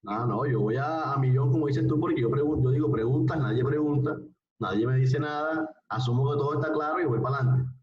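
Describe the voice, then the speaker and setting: A man's voice: medium pitch, brisk. Patient male teacher, distant and echoey. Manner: patient, repeats phrases, often checks understanding. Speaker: language teacher. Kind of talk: live online class lecture. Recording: roomy, distant, dull online-call recording.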